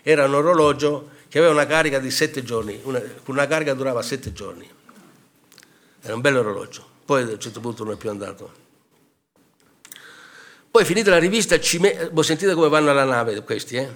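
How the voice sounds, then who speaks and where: An older man speaks at a book presentation, telling a story in a halting, unpolished way. He often restarts sentences and breaks off mid-word, then reads passages from a war diary aloud. His voice sits at an ordinary middle pitch. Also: a bit bright.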